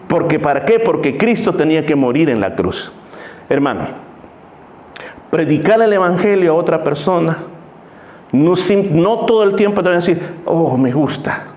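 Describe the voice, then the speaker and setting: Echoey pastor preaching. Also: male voice, fairly high pitch, darkish tone. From El Salvador. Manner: storytelling, acts out voices in anecdotes. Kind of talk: sermon. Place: church hall.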